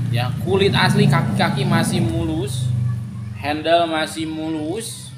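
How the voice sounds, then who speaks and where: A young man giving an informal, repetitive and emphatic sales pitch, drawing out key words as he sells. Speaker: online bag seller. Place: large tiled living room, indoors. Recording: echoey room, some background noise.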